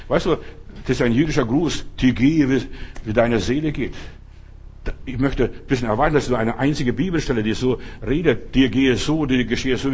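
A middle-aged male preacher giving a fervent sermon, talking straight to the listener and swinging between loud exhortation and quiet asides. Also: medium pitch, breathy edge. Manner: addresses listener directly as du.

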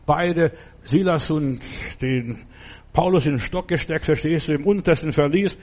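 An older man preaching a sermon, exhorting listeners and retelling stories with animated energy. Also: fairly high pitch, unhurried.

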